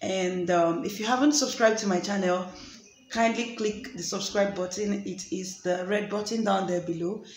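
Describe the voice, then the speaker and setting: A woman's voice: medium pitch, fairly even intonation, moderate pace. Lady vlogger chatting away, lots of ums, roomy echo and a little hiss. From Nigeria. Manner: chatty, with many um fillers and restarts. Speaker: vlogger and host. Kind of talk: casual chat. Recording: echoey room with faint noise.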